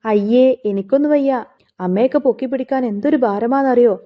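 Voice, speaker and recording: A woman's voice: a little high, a little fast, natural voice. A woman voicing a lazy, sneering college-age daughter. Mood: dismissive. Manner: dismissive, sneering. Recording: phone-like narrow sound.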